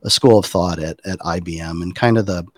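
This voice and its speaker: Low-voiced middle-aged guy on a podcast, explaining stuff, lots of uhs, dry sound. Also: a little fast, no room sound. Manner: thoughtful, explanatory, loose with fillers and restarts. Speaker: podcast guest, design practitioner. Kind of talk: casual conversational podcast.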